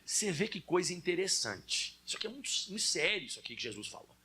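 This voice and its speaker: A man's voice: high voice, very animated, fast, pushed and bright, husky. A Brazilian man preaching a sermon in a conversational way, speaking straight to his congregation. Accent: Brazilian Portuguese.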